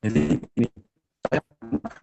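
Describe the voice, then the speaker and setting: A man from South Sumatra asking a question on a video call, his audio choppy and breaking up into halting fragments. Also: loud music behind the voice. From South Sumatra, Indonesia.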